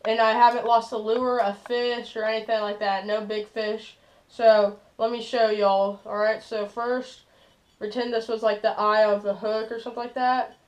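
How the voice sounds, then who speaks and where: A teenage boy with a high, fairly flat voice hosts a casual fishing how-to from a small bedroom, speaking at a normal pace. He talks loosely and leans heavily on fillers like "like" and "stuff like that." The camera audio is dull and lo-fi.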